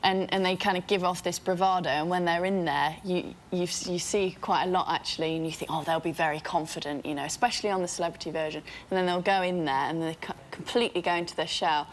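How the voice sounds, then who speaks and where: Female panelist, opinionated and rambling; low-ish voice. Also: steady tone, quick pace, few pauses, slight background noise. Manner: opinionated, many "you know" fillers. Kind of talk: TV panel chat.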